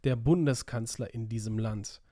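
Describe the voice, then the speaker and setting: A man's voice: medium pitch, moderate pace, dark tone, no echo, clean studio sound. A young man hosting a casual podcast, talking in an emphatic, colloquial and argumentative way. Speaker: podcast host. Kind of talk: casual political podcast chat. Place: attic room at home.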